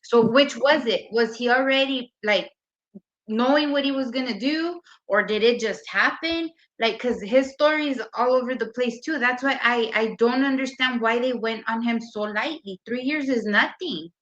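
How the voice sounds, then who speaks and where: A woman co-hosting a casual panel discussion over a remote call, speaking in a questioning, skeptical way. Her voice comes through as low-sample-rate, muffled audio. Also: moderate pace, fairly bright tone.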